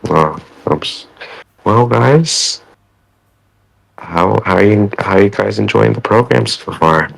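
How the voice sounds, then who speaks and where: A man talking as a podcast guest, hesitant and halting, laughing often. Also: fairly low pitch, expressive, creaky, dry recording, poor audio. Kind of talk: casual podcast chat.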